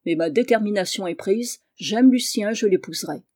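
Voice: medium pitch, moderate pace, darkish tone, lightly acted. A reader voicing a sarcastic, scornful young man in an audiobook reading. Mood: defiant. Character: sneering ambitious young male doctor.

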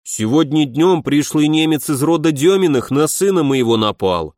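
Guy voicing a chubby offended noble, insistent, complaining, lively pitch. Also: normal speed, no room sound, studio quality, close to an everyday voice. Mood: indignant. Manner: aggrieved, insistent. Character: plump indignant nobleman with a grievance.

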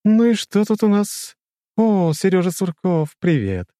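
High imperious lady boss, mocking tone, dark warm timbre, dry close sound, a man voicing her, audiobook. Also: big pitch swings, a little slow, no room sound. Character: commanding amused woman crime boss, adult.

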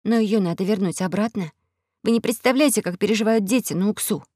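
A woman's voice: medium pitch, fast, a little mellow, slightly rough, dry recording, clean studio sound, pitched above the performer's own voice, lightly acted. A woman voicing a polite, earnest young girl who talks eagerly. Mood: earnest pleading.

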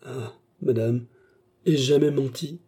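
A man's voice: mid-range voice, takes it slowly, warm tone, slightly rough, voice pushed up. A man reading an audiobook, voicing a scheming young maid who fakes tender sorrow. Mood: feigned sorrow. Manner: sugary, feigning sorrow.

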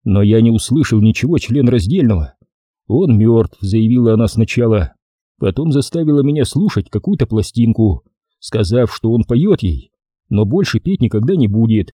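A man narrating a first-person detective audiobook in a dry, measured way. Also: mid-range voice, animated, mellow, no echo.

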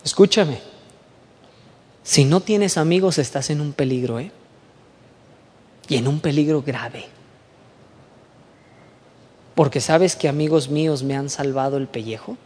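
A man with a Mexican accent giving a storytelling talk, dropping to hushed asides and rising again, often checking in with short rhetorical questions. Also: on the high side, moderate pace, pauses often, big-room sound. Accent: Mexican Spanish. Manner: animated, swings between hushed asides and raised voice, rhetorical questions.

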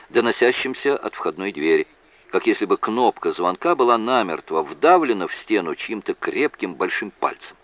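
A man narrating a thriller audiobook in an expressive, dramatic manner. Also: lowish voice, dry recording, lo-fi sound.

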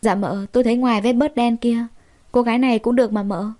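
A woman voicing an older female house servant who speaks flatly and deferentially. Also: fairly high pitch, fast talker, lightly acted. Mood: dutiful. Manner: flat, deferential.

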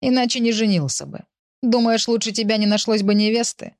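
A woman's voice: a little high, fairly even intonation, fairly quick, pitched above the performer's own voice, close to an everyday voice. A woman voicing a cruel, mocking husband who sneers and taunts his wife in an audiobook. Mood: taunting.

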